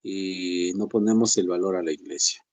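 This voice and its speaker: A man's voice: steady tone, moderate pace, a little mellow. A man teaching a church session, speaking conversationally and addressing the congregation as brothers. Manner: acts out believers' excuses in a higher voice. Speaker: pastor.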